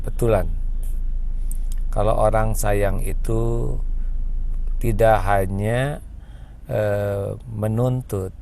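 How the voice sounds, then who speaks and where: A man preaching a parenting sermon to a webinar audience, gentle and conversational, now and then acting out a mother's pleading voice in a higher pitch. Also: gravelly, a little hiss or hum.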